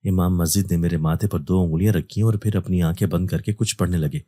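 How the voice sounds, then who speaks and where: A man narrating a first-person horror story in a steady, even storytelling delivery. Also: low-pitched.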